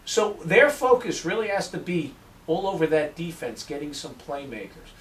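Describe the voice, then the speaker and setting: A man with a fairly high voice talks sports with passion and strong opinions. He sounds a little distant from the microphone, as in a casual podcast recording. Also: moderate pace. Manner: opinionated, energetic, promotional. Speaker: sports radio host and regular guest.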